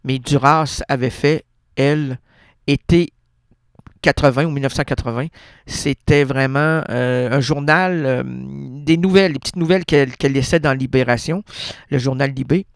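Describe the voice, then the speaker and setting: Gravelly Québécois man rambling on radio. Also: mid-range voice, normal speed, dry recording, studio quality. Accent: Québécois French. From Quebec. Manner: rambling, playful wordplay, frequent self-corrections. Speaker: radio host. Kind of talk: freewheeling absurdist radio monologue. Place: radio studio.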